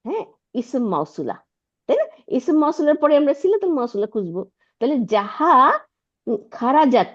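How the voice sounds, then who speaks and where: Lively-voiced woman teaching Arabic online. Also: on the high side, dull audio. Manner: patient, repeats and checks understanding. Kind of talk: online language lesson.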